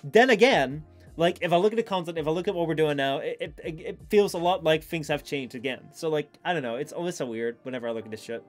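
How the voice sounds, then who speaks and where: A man's voice: a little high, fast talker. Rambling male streamer over background music. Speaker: live streamer. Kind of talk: casual chat with stream viewers.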